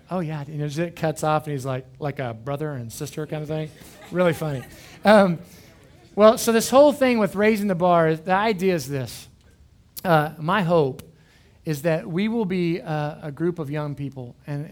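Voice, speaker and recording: A man speaks as a youth pastor. His voice sits a little high. He rambles through a casual sermon in an animated, self-deprecating way. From Oklahoma.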